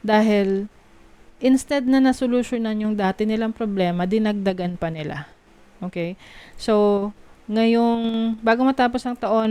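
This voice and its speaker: A woman from the Philippines giving a tarot reading, slow and reassuring, mixing Tagalog and English and checking in with her listeners. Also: mid-range voice, a little mellow, clear, resonant tone. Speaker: tarot reader.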